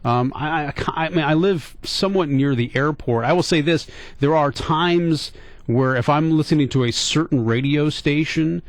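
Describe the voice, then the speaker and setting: A middle-aged American man hosts talk radio from a studio, his voice a little high and his pace normal on a dry recording. He tells a casual story conversationally, posing questions and repeating points for emphasis.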